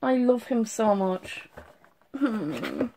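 A woman's voice: a little high, lively intonation, extremely slow, dark tone, slight background noise. Emotional young woman, just done crying. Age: young adult. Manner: emotional gushing with restarts and trailing thoughts. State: has just been crying. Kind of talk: casual video review to camera. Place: small bedroom at home, indoors. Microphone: phone at arm's length.

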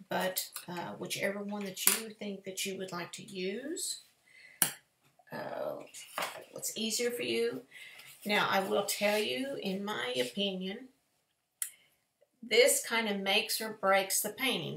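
Gravelly-voiced woman teaching painting. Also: mid-range voice, a bit bright, slight background noise. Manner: chatty, folksy step-by-step instruction. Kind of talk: live painting tutorial. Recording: echoey room.

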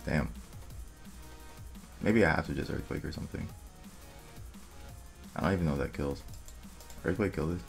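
Deep-voiced young man muttering game commentary. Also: vocal fry. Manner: muttering to himself, thinking aloud, quick asides. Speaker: gaming video creator. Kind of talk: casual gameplay commentary. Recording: faint music underneath.

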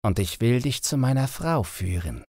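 A man voicing a kindly, calm adult soldier in a storybook reading, speaking in a reassuring way. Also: medium pitch, normal speed, no echo, pitched above the performer's own voice.

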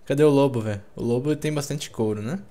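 A man's voice: mid-range voice, fast, dark tone. A man with a Brazilian Portuguese accent, chatting casually while co-playing a survival game. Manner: laid-back, chatty, says "velho" often. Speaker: gamer co-playing. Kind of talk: casual gaming chat.

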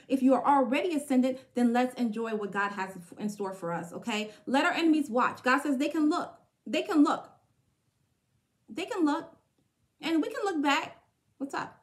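Give me a woman with a high, bright-pitched voice hosting a podcast. She delivers an emphatic spiritual pep talk, repeating her key phrases and checking in with "okay?" after each point. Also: moderate pace. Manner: emphatic, repetitive, punctuates with "okay?". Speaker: podcast host.

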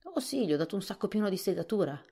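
A woman reading a storybook softly, voicing a nervous, apologetic male soldier. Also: medium pitch, big pitch swings, racing, husky, voice pushed up. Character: timid male soldier with big whiskers.

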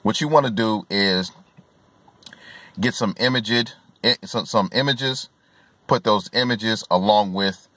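Deep-voiced man vlogging from his car. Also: fairly bright tone, dry recording. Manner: earnest, coaching, with frequent fillers and restarts. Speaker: real estate investor giving tips. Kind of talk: casual advice vlog. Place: inside a parked car. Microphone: phone camera at arm's length, filmed from below.

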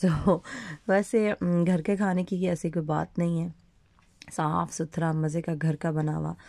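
Pakistani woman, 30s, vlog voice-over; low, mellow, dry close sound, chatty with fillers. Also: no room sound. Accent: Pakistani Urdu. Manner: chatty, mixes English phrases, many fillers. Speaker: vlogger. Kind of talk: casual voice-over narration.

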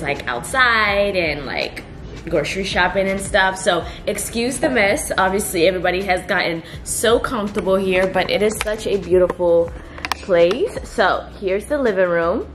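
A woman's voice: medium pitch, lively intonation, normal speed, fairly bright tone, slight background noise. A young woman talking to her camera in a casual, upbeat vlog while on a beach vacation, giving a tour of a rental house. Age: young adult. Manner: chatty, upbeat, talks straight to camera. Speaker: lifestyle vlogger.

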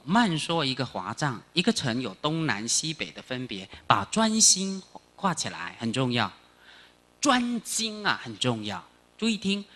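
A male Buddhist monk giving a sutra lecture, animated, chanting phrases slowly and quizzing the audience. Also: fairly high pitch. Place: lecture hall.

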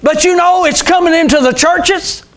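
Preaching off the cuff in a small church sanctuary, this sixtysomething man has a notably high, fairly bright voice and keeps a normal pace. He's emphatic and repetitive, calling out amens and posing rhetorical questions to the congregation, picked up by a lapel mic clipped to him.

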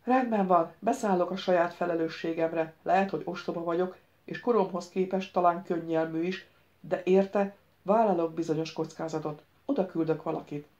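A woman's voice: fairly low pitch, fairly even intonation, warm tone, lo-fi sound, close to an everyday voice. A woman reading an audiobook, voicing an older male police major who speaks in a doubtful, questioning way. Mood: resigned.

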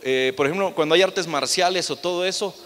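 A man's voice: high-pitched, a little fast. Young male preacher echoing through a hall. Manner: lively preaching with rhetorical questions to the congregation; acts out the voices of people in his stories. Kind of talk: sermon. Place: church hall. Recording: long reverb of a large hall.

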